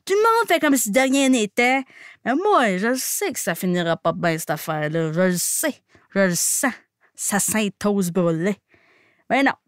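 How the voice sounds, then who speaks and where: A woman with a Québécois accent hosting a comic recap podcast, slangy and animated, playing a mock hockey coach. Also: mid-range voice, measured pace, no room sound, studio quality. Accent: Québécois French. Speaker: podcast host recapping a TV series.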